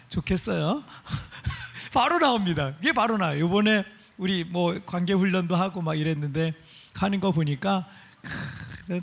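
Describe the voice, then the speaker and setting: A male pastor preaching a sermon in an animated way. He asks the congregation rhetorical questions and explains pictures shown on a screen. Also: sits high.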